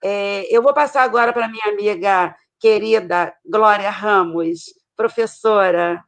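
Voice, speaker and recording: A woman's voice: mid-range voice, measured pace. A woman hosting an online debate, thanking attendees by name and handing over to the next speaker. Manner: warm thanks, reads out names of guests. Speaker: debate moderator. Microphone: video call.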